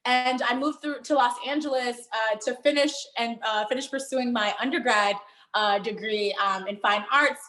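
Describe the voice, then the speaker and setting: A performer in her young adult years, originally from Haiti and raised in Miami, laughs often and talks animatedly as a guest in a casual interview. Her slightly high voice is bright and forceful, moving at a moderate pace. The recording is reverberant.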